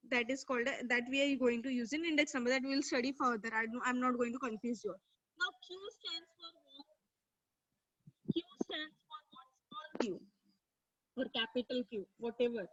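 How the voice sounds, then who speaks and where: A woman with a high, pushed, bright voice teaches an online economics class, asking questions and praising students by name from the chat. The lo-fi mic sounds dull and dry, with no room sound.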